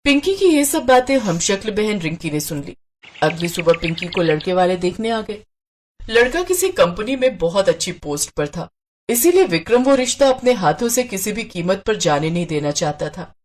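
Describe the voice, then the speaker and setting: A woman narrating a cartoon story in an even, scripted storytelling way. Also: medium pitch, normal speed, a little hiss or hum.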